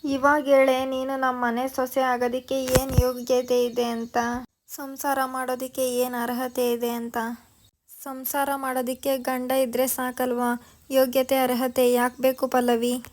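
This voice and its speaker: A woman's voice: sits high, monotone, a little slow. A woman voicing a defensive, scheming young daughter-in-law. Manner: defensive, cheeky.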